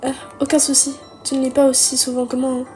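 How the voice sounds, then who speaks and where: A woman voicing a shy, bookish teenage girl who speaks quietly and hesitantly, with game music behind her. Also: high-pitched, monotone, fast talker, lightly acted. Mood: gentle. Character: shy, soft-spoken bookish teen girl. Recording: music playing underneath.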